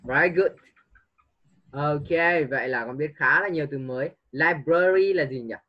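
A man's voice: on the high side, moderate pace, dull audio. A man tutoring a young pupil one-on-one online, patiently coaxing answers and mixing English prompts into his teaching.

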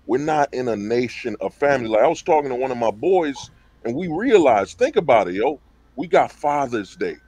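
A man's voice: medium pitch, very animated, moderate pace, a little mellow. A man on a livestream panel talking casually and emphatically, full of slang and rhetorical questions over a call mic. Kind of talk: casual debate talk.

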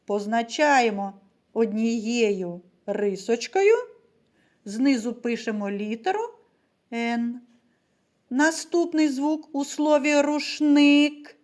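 A woman teacher giving a video reading lesson to young children, with slow, patient step-by-step instruction, asking them questions and calling them little ones. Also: fairly high pitch, a little mellow. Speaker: primary school teacher.

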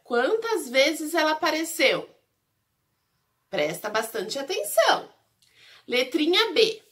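A bright, lively woman leads a lesson for little children. She speaks very slowly and in a sing-song way, stretching and repeating syllables so they can follow. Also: high-pitched. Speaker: preschool teacher. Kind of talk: recorded lesson for young children.

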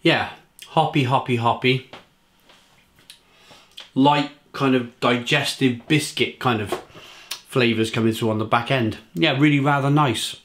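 Man, British accent, casual beer review, rambling, restarts, enthusiastic flavour lists, mid pitch. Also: fairly even intonation, measured pace, pauses often, fairly bright tone. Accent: British English. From England.

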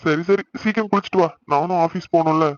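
A man's voice: on the high side, fast, no echo, close to an everyday voice. A man voicing a playful, teasing young husband in a cartoon. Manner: playful, mock-innocent. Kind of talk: cartoon voice acting. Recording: slightly dull lo-fi sound.

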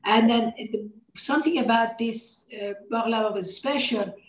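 Speaking at a moderate pace in a fairly high voice, a woman whose first language is Persian demonstrates a dish in a casual, good-humored way, laughing often. She's a cookbook author with obvious warm enthusiasm for food and a Persian accent. Slight background noise and room echo are audible.

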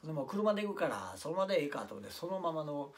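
関西弁で語る男性芸人. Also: male voice, fairly high pitch, very animated, rapid-fire. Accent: Kansai. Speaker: rakugo performer, channel host. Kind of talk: casual storytelling chat. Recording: roomy, distant mic.

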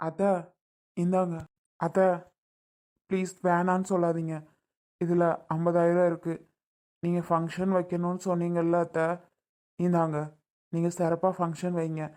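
A woman playing a kind young man who gently coaxes his aunt in a family drama skit. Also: lowish voice, level tone, moderate pace, pauses often, lightly acted. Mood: coaxing. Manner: gentle, coaxing.

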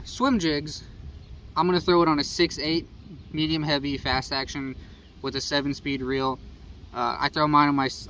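This young man runs a fishing channel and speaks with a Midwestern American accent, his voice on the high side and a bit bright. Filming himself on a phone at arm's length beside a house, he loosely rambles through his gear. The sound is slightly far off, with faint outdoor noise.

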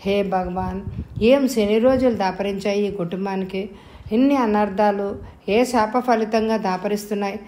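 Woman reading as a bitter bossy mom, sharp scornful voice, wails and scolds, audio novel. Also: mid-range voice, moderate pace, slight background noise, natural voice. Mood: despairing. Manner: sharp, scornful, wailing laments. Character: bitter domineering middle-aged mother, scolding.

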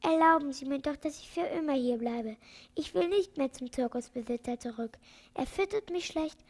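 A greedy, wheedling crocodile from a children's storybook, as a woman reader puts him on. The voice is lifted higher and a bit louder than her telling voice, with a gravelly edge, and it pleads sweetly. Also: moderate pace. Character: greedy but meek male crocodile.

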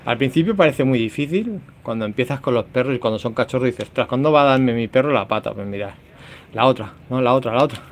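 A man's voice: medium pitch, quick pace, slight background noise. A man with an accent from Spain chatting casually to viewers on a phone vlog, loose and full of fillers. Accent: Spanish (Spain). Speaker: vlog host, dog owner.

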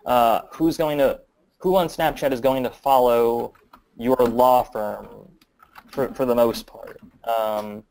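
A man fields questions on a webinar in a loose, unscripted way. He stops and restarts often and fills gaps with "uh" and "um", at a middling pitch. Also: steady tone, slow, a little mellow, rough recording. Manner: hesitant, many fillers and restarts. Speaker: guest marketing expert. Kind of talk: webinar Q&A answers.

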